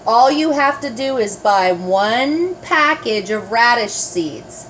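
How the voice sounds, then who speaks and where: An older woman voicing a matter-of-fact storybook woman who gives cures calmly and deliberately, in a grandmotherly way. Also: a little high, slight background noise, low-quality recording. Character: matter-of-fact female advice-giver with odd cures.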